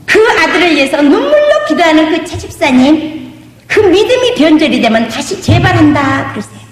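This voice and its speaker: A woman pastor preaches a testimony sermon to her congregation, pressing them with repeated questions and drifting into a sung lilt. Her voice sits high. The church hall carries a long, roomy reverb. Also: sing-song, moderate pace. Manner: emphatic preaching, asks the congregation "do you believe?". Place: church sanctuary. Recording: echoey hall.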